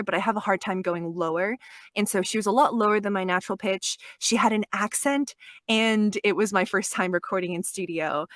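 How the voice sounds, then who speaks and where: Young woman, voice actress guest, chatty, laughs a lot, restarts sentences, mid pitch, dry recording. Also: fairly bright tone, no room sound. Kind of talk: casual podcast interview.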